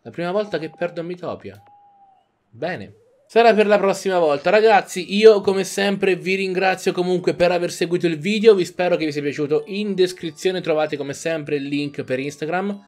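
A man's voice: fairly high pitch, normal speed, darkish tone. A young man giving jokey, casual commentary while playing a video game, sometimes reading game lines aloud in playful voices. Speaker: gaming YouTuber. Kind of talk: casual let's-play commentary. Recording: faint game music behind.

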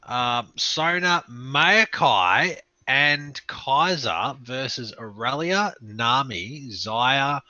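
Lively, bright-voiced man commentating. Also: mid-range voice, very slow, no room sound, highs cut off. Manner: joking, swears freely, trips over words. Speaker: game commentator. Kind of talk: casual co-commentary.

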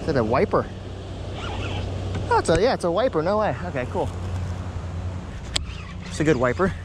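A young man vlogging a fishing trip outdoors, talking in an animated way and exclaiming often. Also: a little high, moderate pace. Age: young adult. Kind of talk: excited outdoor vlog commentary. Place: outdoors by a river and creek. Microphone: action camera on the body and at arm's length. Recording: faint outdoor noise from an action camera.

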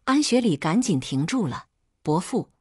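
A woman narrating a classical folk tale in an expressive, dramatic storytelling manner. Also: medium pitch, normal speed, slightly rough, dry recording, studio quality.

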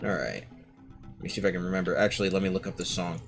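A man hosting a video game let's play, chatting casually and thinking out loud as he plays. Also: sits low, racing. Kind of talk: casual gameplay commentary. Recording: game music playing behind.

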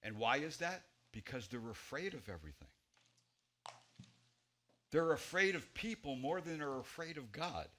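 Pastor, male, 40s, preaching from a church pulpit, bright forceful voice, big emphatic swings. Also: sing-song, normal speed, pauses often. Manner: emphatic, gesturing widely, swings between loud stresses and quiet low drops. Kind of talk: expository sermon.

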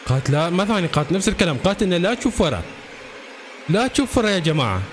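A man commentating a horror game let's-play, excitable and jumpy, constantly calling out to his viewers. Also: high voice, rapid-fire, slight background noise. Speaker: gaming channel host.

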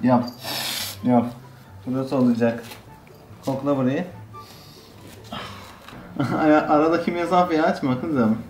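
A man chats casually in a home vlog, his voice pitched a little above the usual. He keeps a playful, laughing tone, teasing and scolding a puppy that won't stop biting him. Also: moderate pace, darkish tone, slight background noise. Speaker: vlogger playing with his new puppy. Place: at home indoors.

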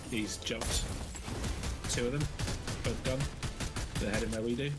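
A man's voice: medium pitch, fairly even intonation, a little slow, loud music behind the voice. A man on voice chat, giving a teammate terse, dry callouts. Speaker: gaming teammate.

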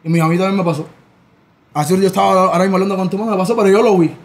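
A young Cuban man with a Cuban accent, telling stories in a casual chat. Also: sits high. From Cuba. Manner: animated, rapid storytelling. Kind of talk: casual storytelling.

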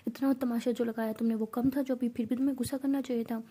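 A woman's voice: on the high side, little pitch movement, fast, warm tone, slightly rough. A woman voicing an exasperated young college girl in a whispered role-play.

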